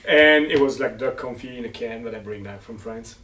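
A man co-hosting a casual wine tasting chat, joking and telling relaxed stories. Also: medium pitch, a little fast, over a noisy crowd. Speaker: wine buyer and co-host. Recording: echoey room, far mic, faint noise.

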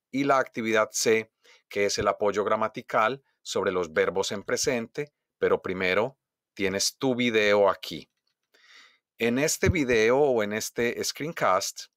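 A man teaching a recorded language lesson, reading words slowly and exaggerating each stressed syllable for dictation. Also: fairly low pitch, fairly bright tone, dry recording, studio quality. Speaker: Spanish teacher.

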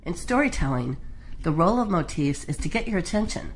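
A woman giving measured, scripted documentary narration. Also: fairly low pitch, slight background noise, low-quality recording. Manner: measured, even storytelling delivery. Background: music.

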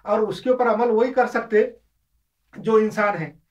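A man's voice: high voice, measured pace, darkish tone. A man gives an informal religious lesson, explaining with examples and often hesitating or restarting. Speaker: religious lecturer. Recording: distant, dull lo-fi.

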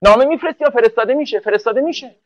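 A male English teacher giving an online class lecture. He fires quick questions at the class, often answers them himself, and slows down to spell out example sentences. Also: very high-pitched, no room sound, dull audio.

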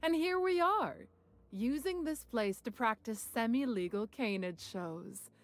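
A sly, discreet woman who runs a secret venue in a game. She talks in a coy, conspiratorial way with a dry smugness, and her voice sits a little high. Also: lively intonation, a little slow. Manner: coy, conspiratorial, dryly smug. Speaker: game character, gallery receptionist.

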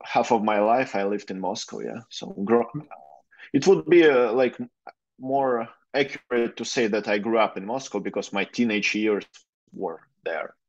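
Young russian guy, lowish voice, lots of uhs, muffled video call sound. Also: normal speed. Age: 20s. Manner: hesitant, many fillers, careful non-native phrasing. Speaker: guest lawyer. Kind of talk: interview answers. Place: plain room, indoors. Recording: dull lo-fi video call audio.

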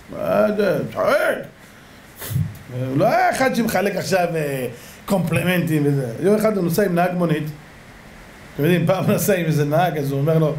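Rabbi lecturing, animated storyteller, high lively voice, echoey room. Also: male voice, a little hiss or hum. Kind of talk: lively religious lecture to an audience.

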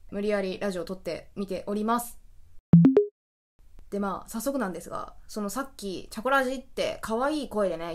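A woman hosting a casual solo web radio chat, explaining things in a chatty way with frequent laughs, on a home studio mic. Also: medium pitch.

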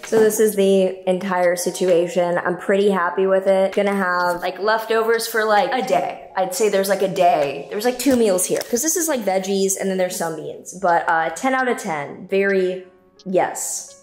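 Filming on a handheld phone at arm's length, a young woman vlogs from a holiday villa, moving between indoor rooms and sunny terraces. She talks candidly to the camera with drawn-out casual fillers and plenty of swearing, her medium-pitched voice a little mellow. Faint music plays behind her.

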